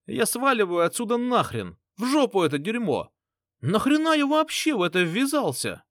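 A frantic, cowardly young soldier, as a male reader puts him on rattles on in a strained high voice. The storybook figure sits far above the reader's natural pitch. Close, dry recording. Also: very animated, moderate pace, fairly bright tone, no room sound, full character voice. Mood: panicked.

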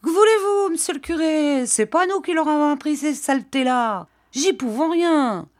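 A woman's voice: sits high, expressive, moderate pace, no room sound, studio quality, pitched above the performer's own voice. A woman reading an audiobook, voicing a male village priest who delivers a moralizing little sermon. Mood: resigned moralizing. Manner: preachy, moralizing.

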